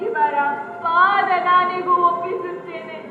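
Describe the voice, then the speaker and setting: A woman's voice: extremely high pitch, fairly even intonation, slow pace, background noise. A young woman acting a grieving, defiant pregnant widow in a stage drama, declaiming and repeating her vows. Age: young adult. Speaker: student stage actor. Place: stage in a hall. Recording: echoey hall, tinny phone-like sound, music behind.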